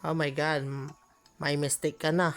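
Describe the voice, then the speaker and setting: A woman's voice: low voice, level tone, unhurried, faint music behind. A woman giving chatty gameplay commentary, often exclaiming and laughing at her own mistakes. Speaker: gaming channel host.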